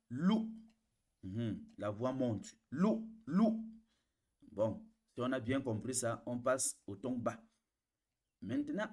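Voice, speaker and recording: A man teaching a language lesson, explaining slowly, repeating each point and demonstrating tones aloud. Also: lowish voice. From Cameroon. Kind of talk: classroom lesson.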